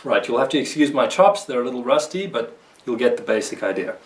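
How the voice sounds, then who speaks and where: A man's voice: medium pitch, animated, fast, recorded from a distance, noisy background. A male guitar teacher explains technique in a patient, methodical way and counts along with his demonstrations. His voice sits in the middle range and is heard a little off-mic in a roomy space, with guitar playing behind him. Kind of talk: instructional video lesson. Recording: roomy sound, voice a bit off-mic.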